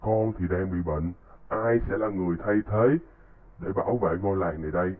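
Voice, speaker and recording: A man's voice: deep voice, brisk, close to an everyday voice. A man voicing an elderly male village chief who is fretful, scolding and protective, in casual game role-play. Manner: scolding yet caring. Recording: tinny phone-like line.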